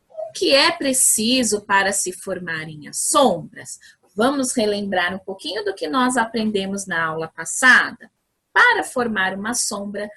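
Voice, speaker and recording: A Brazilian woman teacher talks small children through a recorded video lesson. Her voice is bright and a little breathy and sits slightly high, rising and falling widely. She moves slowly and patiently, counting out loud with cheerful encouragement. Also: rough recording. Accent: Brazilian Portuguese. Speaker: primary school teacher.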